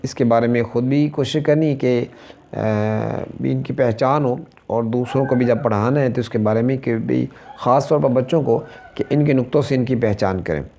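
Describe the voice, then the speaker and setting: Slow pakistani urdu accent guy teaching quran letters, dark mellow voice, names each letter one by one. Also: mid-range voice, creaky, a little hiss or hum. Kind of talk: religious lesson with Arabic recitation.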